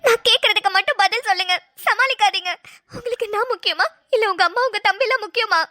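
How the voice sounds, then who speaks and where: In this piece of Tamil cartoon voice acting, a woman plays a wounded newlywed wife who talks fast, pouring out complaints in insistent, tearful pleading. The pitch is very high, bright and sharp-edged. The sound is dry and close-miked, with no sense of a room.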